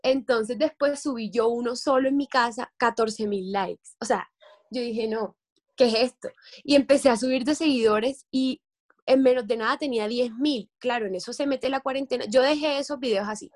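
A woman's voice: a little high, normal speed. A young woman from Colombia's Caribbean coast, a guest chatting casually and acting out quotes. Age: young adult. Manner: chatty, quotes people in lively voices. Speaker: guest, content creator. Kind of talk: casual interview chat.

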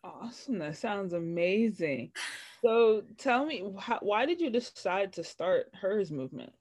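A woman's voice: medium pitch, lively intonation, unhurried, a little mellow, no room sound. Encouraging woman podcast host, dry sound. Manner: encouraging, affirming. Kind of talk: podcast interview.

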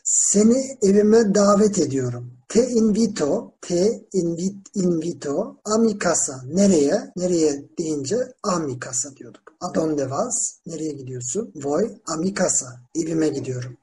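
A teacher giving a slow Spanish lesson in a classroom, spelling words out letter by letter with town names and repeating verb forms. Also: mid-range voice, mellow, a little hiss or hum. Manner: drills verb forms slowly and repeats them. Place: classroom with students.

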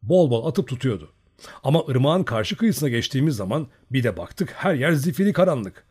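A man voicing a cocky young male Cossack who talks in a brisk, confident way. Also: medium pitch, very animated, a little mellow, breathy edge. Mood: recounting.

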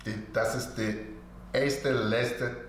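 Slow halting man in an echoey room. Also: mid-range voice, fairly even intonation. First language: not German. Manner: slow, hesitant, with many fillers and quoted dialogue. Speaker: interview guest. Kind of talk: halting storytelling in broken German. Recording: very echoey room with faint background noise.

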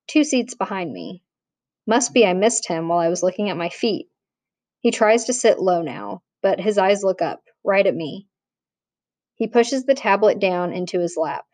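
A woman reading a novel aloud in a plain, measured way, with small restarts. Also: mid-range voice, darkish tone, dry recording. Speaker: audiobook narrator. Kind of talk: audiobook reading.

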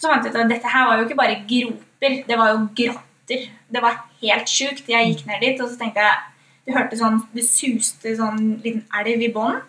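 A guest with a Norwegian accent tells a story casually, chatty and animated, full of fillers and quoted thoughts. Her voice is a little high, and she sounds distant in a roomy, echoing space.

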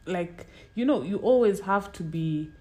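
A woman's voice: on the low side, lively intonation, a little slow, warm tone. A woman with a Kenyan accent in casual, reflective conversation, searching for her words and sometimes mixing in Swahili. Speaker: podcast co-host or guest.

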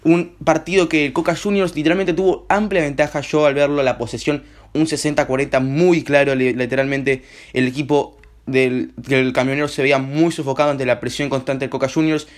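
A young man with an Argentine accent, slightly hoarse, hosting a casual home-made radio show in a rambling, slangy way full of filler words. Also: medium pitch, flat delivery, fairly quick. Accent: Argentine Spanish. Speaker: host.

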